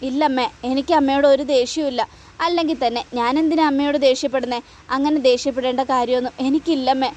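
Brief: woman voicing a tearful young woman in a serial recap, high voice, earnest. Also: steady tone, quick pace, darkish tone, natural voice. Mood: pleading. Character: heartbroken young woman torn over love.

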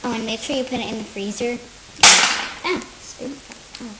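Female home-video host, high voice, chatty and hesitant, noisy table-top camera sound. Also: moderate pace. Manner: chatty, hesitant with frequent ums. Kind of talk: casual unscripted demonstration. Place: home, at a kitchen table indoors.

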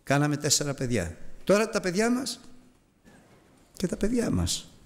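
A man's voice: on the high side, huge pitch swings, long reverb tail. A man preaching a sermon as a personal story, earnest and confessional, acting out voices and sound effects as he goes.

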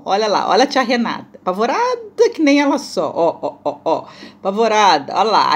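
Chatty Brazilian woman narrating a cooking video. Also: fairly low pitch. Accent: Brazilian Portuguese. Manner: chatty, addresses viewers often, self-deprecating and playful. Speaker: cooking vlogger.

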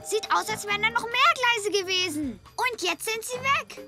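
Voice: very high-pitched, animated, normal speed, over music. A performer voicing a small, eager, sweet young boy hero in a cartoon, childlike in manner. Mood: curious. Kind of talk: German cartoon dub acting.

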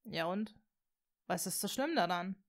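A woman reading a fan story aloud, voicing a gentle, tentative blond teenage boy wizard in a soft, hushed voice. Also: medium pitch, steady tone, moderate pace, lightly acted.

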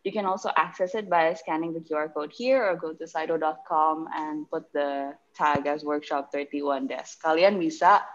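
A young woman with an Indonesian accent and a low voice casually hosts an online workshop, mixing languages in her chatty, informal delivery. She's masked, speaking over a video call from a public spot. Her audio is muffled and dull.

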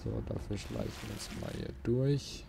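The man's voice is fairly low, creaky, and steady in tone, at a normal pace, as he gives casual let's play commentary. Grumbling and mild swearing come through a noisy recording, with game sounds in the background.

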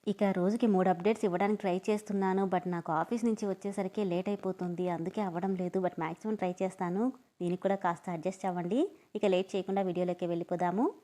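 A woman's voice: medium pitch, fairly even intonation, fast, mellow. A woman narrating audio stories, talking chattily and apologetically to her listeners before reading an episode. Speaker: story narrator.

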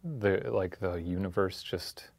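A man co-hosting a true-crime show, trading deadpan, absurd jokes with sudden shouted bursts. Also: sits low, takes it slowly. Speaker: co-host. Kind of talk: joking true-crime banter.

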